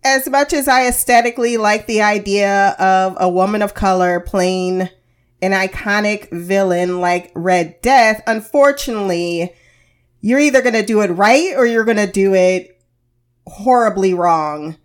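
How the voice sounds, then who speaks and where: A woman's voice: medium pitch, unhurried. An American woman hosting a casual TV review podcast, candid and wry, sounding under the weather and heavily medicated. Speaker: podcast host.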